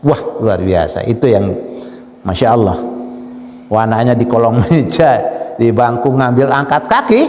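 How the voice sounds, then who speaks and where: A male Islamic preacher giving a dawn sermon in a mosque, emphatic, jumping up high on the words he stresses and weaving in Arabic phrases. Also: normal speed, long pauses, a little mellow, a little hiss or hum. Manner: emphatic, leaps to high pitch on key words, mixes in Arabic. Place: mosque hall. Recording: echoey mosque hall with long reverb.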